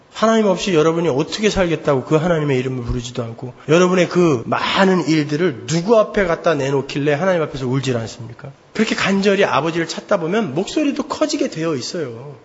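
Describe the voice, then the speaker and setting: Male pastor preaching, goes from quiet to shouting, high voice, dull boomy church sound. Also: long reverb tail. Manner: swings between quiet asides and shouted pleading cries. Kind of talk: sermon.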